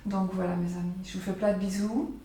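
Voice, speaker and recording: A woman's voice: mid-range voice, level tone, a little fast, mellow, a little hiss or hum. Rambling woman in an echoey kitchen. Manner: rambling, chatty, repeats herself and uses many fillers. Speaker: psychic vlogger presenting her oracle cards. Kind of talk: casual chat to viewers. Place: home kitchen. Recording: roomy echo, voice from far off the mic.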